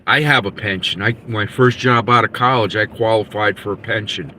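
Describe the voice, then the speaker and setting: A man of sixty hosting a live podcast, talking in a rambling, halting way with many fillers and restarts. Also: fairly low pitch, pushed and bright, a little hiss or hum. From United States. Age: 60s. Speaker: podcast host reading live chat. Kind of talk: casual live-stream chat.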